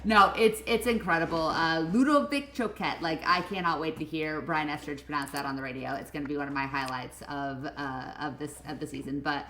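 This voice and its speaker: A woman co-hosting a sports podcast, animated and enthusiastic, with frequent ums. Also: deep voice, a little fast, hardly any pauses. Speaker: podcast co-host. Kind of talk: casual sports podcast chat. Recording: echoey room with faint noise.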